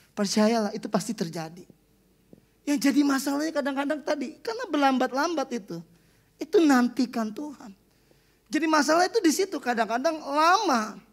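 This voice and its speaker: A woman preaching a sermon, rising into loud, emphatic declarations. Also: a little high.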